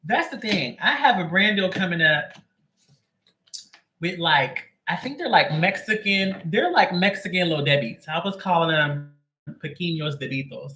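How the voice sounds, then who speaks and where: The audio is poor as a man hosting a live tarot reading chats with his viewers, greeting each by name and cracking jokes before the reading. He has a high, bright, forceful voice, expressive and at a normal speed.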